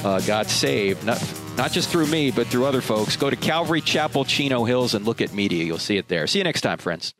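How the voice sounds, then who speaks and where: A man's voice: mid-range voice, lively intonation, fairly quick, hardly any pauses, music in the background. A man hosting a radio interview show in a conversational way, asking questions and wrapping up segments.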